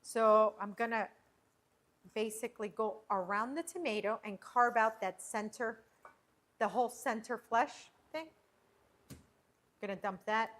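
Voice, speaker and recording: A woman's voice: fairly high pitch, measured pace, pauses often, a bit bright. Chatty woman hosting a cooking stream. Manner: chatty, rambling with restarts and fillers. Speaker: cooking show host. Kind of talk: casual livestream cooking chat. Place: home kitchen.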